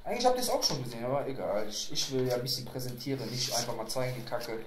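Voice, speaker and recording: A man talks loosely through an unboxing at home, joking and wandering off topic as he goes. His pitch swings up and down a lot. The room around him rings with echo, and faint clicks sit underneath. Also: animated, racing, background noise. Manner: rambling, joking, playful. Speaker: unboxing vlogger. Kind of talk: casual unboxing chat. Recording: echoey room.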